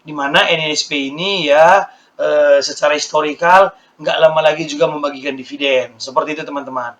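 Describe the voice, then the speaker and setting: A man with a hoarse, slightly raised voice gives a quick-paced stock market lesson over his charts. He circles back to the same figures again and again and keeps speaking to the viewers as friends. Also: on the high side, steady tone, a bit bright. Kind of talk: screen-share stock chart walkthrough.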